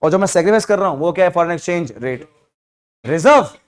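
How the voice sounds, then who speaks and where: High-voiced male economics teacher. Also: expressive, quick pace. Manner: explains with rhetorical questions to students; mixes English terms into Hindi. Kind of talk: classroom lecture.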